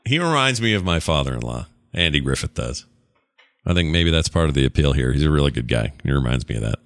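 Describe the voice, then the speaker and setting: Low-voiced, animated man commenting casually. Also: quick pace. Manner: rambling, joking asides. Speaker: reaction host. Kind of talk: casual running commentary on an old TV show.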